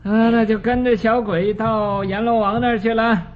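A man preaching by telling a parable. He talks in a slow, halting way with many fillers and drops English words into his speech. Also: sits high, fairly even intonation, muffled recording. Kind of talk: storytelling sermon.

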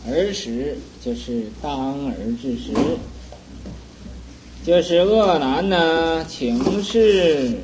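Slow-speaking man giving a Buddhist sermon. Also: on the high side, expressive, background noise. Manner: earnest, teasing scolding of listeners. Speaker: Buddhist teacher. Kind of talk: sutra lecture sermon.

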